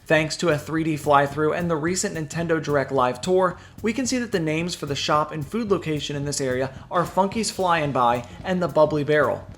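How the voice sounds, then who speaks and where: High-pitched man narrating a scripted video. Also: a little fast, hardly any pauses, fairly bright tone, a little hiss or hum. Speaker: theme park news video narrator.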